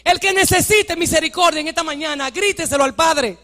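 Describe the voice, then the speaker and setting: A woman pastor preaching a fervent sermon, often shouting to urge her congregation on. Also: very high-pitched, brisk. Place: church hall. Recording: long hall reverb.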